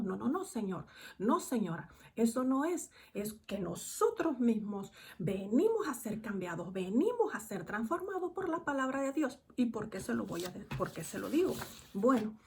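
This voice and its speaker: A woman delivers a sermon and reads from the Bible in a voice on the high side. She's emphatic, repeats phrases, and swings between loud and hushed.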